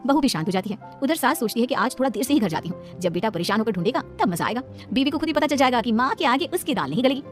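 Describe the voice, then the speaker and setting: Rapid-fire woman storyteller. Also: on the high side, expressive, soft background music. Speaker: narrator. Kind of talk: storybook narration.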